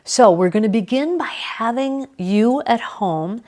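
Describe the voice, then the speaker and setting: A woman leading a calm grounding exercise, giving gentle, measured instructions as the guide. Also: a little high.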